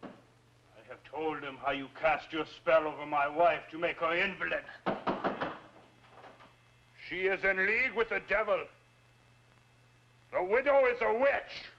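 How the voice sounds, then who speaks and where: A man's voice: a little high, flat delivery, normal speed, a bit bright. An actor playing a cruel, deceitful village man who speaks stiffly and coldly in a 1960s film. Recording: dull lo-fi film sound with faint noise.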